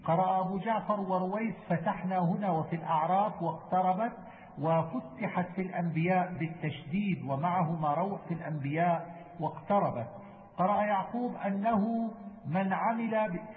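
A man teaching Quran readings, chanting rhymed verse slowly and then listing each reading in a brisk, measured delivery. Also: sits high, slight background noise. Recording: echoey hall, tinny phone-like sound.

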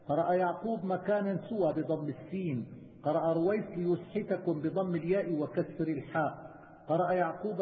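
A man teaching Quranic reading variants, chanting verse and then listing each variant in a measured, methodical way. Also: a little high. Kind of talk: chanted recitation and itemized explanation. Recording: tinny phone-like sound with long reverb.

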